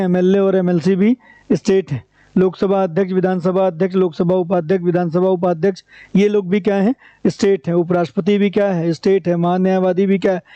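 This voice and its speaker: A man's voice: high voice, mellow, no echo. A man teaching an exam-prep lecture, asking rhetorical questions and answering them himself in a repetitive, drilling way. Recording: dry, dull lo-fi recording.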